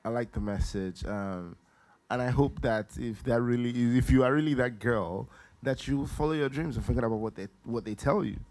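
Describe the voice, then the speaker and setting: A man's voice: mid-range voice, moderate pace, a little mellow. A man giving live feedback as a talent show judge, friendly and hesitant, repeating himself.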